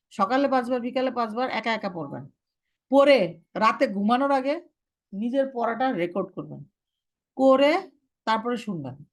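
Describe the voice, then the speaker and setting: A young woman teaching recitation to a class, giving firm instructions and slowly modelling how each sound should be read. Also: a little high.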